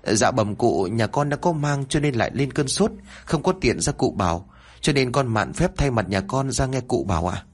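A man's voice: medium pitch, animated, moderate pace, breathy edge. A man voicing a young husband who answers in a polite, formal way.

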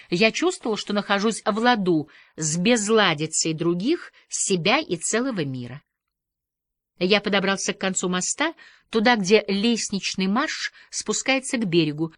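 Woman, audiobook narration, measured reflective reading, lowish voice, dry close sound. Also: fairly bright tone, no echo. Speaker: audiobook reader.

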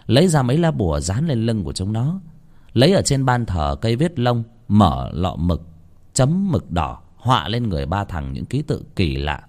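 A man narrating a ghost story in a lively, expressive way. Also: on the low side, moderate pace.

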